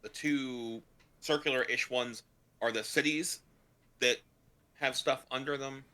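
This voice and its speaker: A man's voice: medium pitch, fairly even intonation, measured pace, sharp tone, a little hiss or hum. A man acting as game master on a streamed tabletop game, talking casually with lots of fillers. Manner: casual, filler-heavy, thinking aloud.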